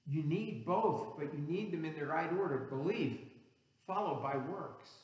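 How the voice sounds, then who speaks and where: A man's voice: fairly high pitch, unhurried, a little mellow, lo-fi sound. A male pastor, English as his second language, preaching an earnest sermon that builds emphasis on key words. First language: not English. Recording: echoey hall, reverberant room.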